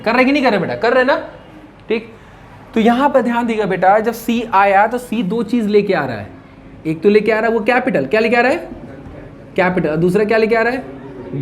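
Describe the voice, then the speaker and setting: A male commerce teacher giving a classroom lecture, asking his students questions and answering them himself, calling them "beta" and mixing English terms into his explanations. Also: sits high. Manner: calls students "beta" affectionately. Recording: faint background noise.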